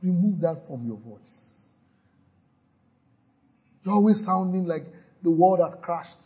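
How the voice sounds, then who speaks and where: In a high-pitched yet dark, slightly rough voice, a pastor preaches slowly and animatedly, exhorting the congregation. He leads them in repeated call-and-response declarations filled with hallelujahs, and the audio is lo-fi.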